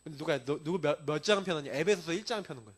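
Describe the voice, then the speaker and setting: Male pastor, sermon, high voice, very animated pitch, emphatic. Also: very fast, slightly rough. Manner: emphatic, lively preaching with personal testimony.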